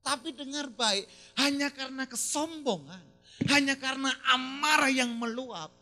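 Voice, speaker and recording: A middle-aged male pastor with a high, lively, bright voice gives an animated sermon. He teases the congregation, fires questions at them and slips in regional phrases and English words. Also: normal speed. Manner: animated, teasing, mixes in Manado dialect phrases and English words.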